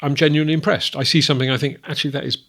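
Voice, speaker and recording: A man's voice: fairly high pitch, very fast. A man co-hosting a podcast, talking casually and thoughtfully about art, recorded at a dining room table at home. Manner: thoughtful, expressive, a few restarts. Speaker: podcast co-host. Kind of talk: casual chat.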